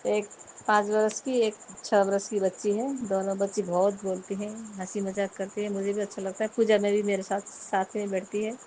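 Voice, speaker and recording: A woman's voice: medium pitch, flat delivery, moderate pace, dark tone, slight background noise, low-quality recording. A middle-aged woman talking to her guru about her day. Her talk is homely and rambling, and she keeps addressing the guru. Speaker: devotee.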